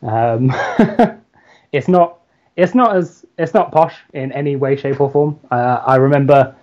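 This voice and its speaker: A young man from London with a London accent, a comics writer chatting as a guest, hesitant and laid-back with many pauses. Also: medium pitch, darkish tone, muffled recording. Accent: London English. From London, England. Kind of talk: casual chat.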